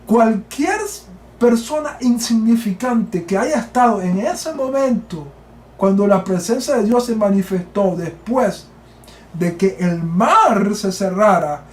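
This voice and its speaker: Man, Torah sermon, very slow delivery, emphatic repetition, echoey room. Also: sits high, expressive. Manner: slow and emphatic, repeats key phrases, rises to near shouts. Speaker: teacher of Torah.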